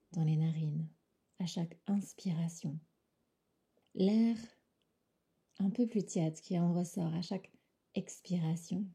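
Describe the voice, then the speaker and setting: A woman leads a yoga nidra relaxation session in a very dark, mellow, low-pitched voice. Extremely breathy, it often drifts toward a whisper, and her phrasing stays calm, soothing and unhurried.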